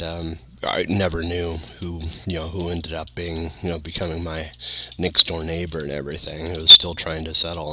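A man's voice: deep voice, bright, forceful tone, slight background noise. A tired man talking casually to the camera in a meandering monologue, full of fillers and restarts. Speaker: vlogger.

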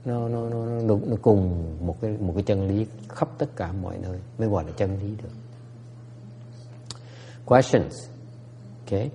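A man's voice: medium pitch, dark tone, a little hiss or hum. Man giving a hesitant bilingual dharma talk. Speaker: Buddhist teacher. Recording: long hall reverb.

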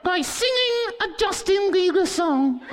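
A very high, swooping little voice of a mischievous gorilla puppet, teasing in blunt broken phrases. He drawls slowly, and the live recording carries clear background noise. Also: sing-song, full character voice. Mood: cheeky. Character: cheeky male gorilla puppet, boastful and mischievous. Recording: noisy live hall audio.

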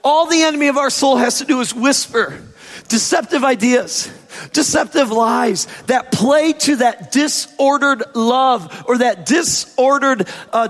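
Guy preaching w a really hoarse strained voice, super high pitched, slow n emphatic, big echoey hall. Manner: emphatic, stretches key phrases for effect. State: hoarse, strained sore throat. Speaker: pastor preaching to congregation. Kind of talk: sermon. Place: church service, amplified in a large room. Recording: echoey large hall reverb.

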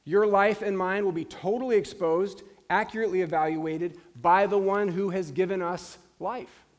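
A man's voice: high voice, steady tone, normal speed. A man in his forties, a pastor preaching a sermon in an earnest, emphatic way, repeating his key phrases. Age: 40s.

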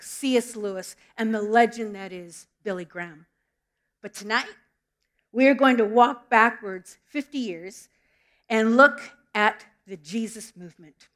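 Fairly high-pitched and fairly bright, this woman's voice carries a sermon and prayer through a church sanctuary. She is middle-aged, from Southern California, and tells stories earnestly, with small restarts along the way.

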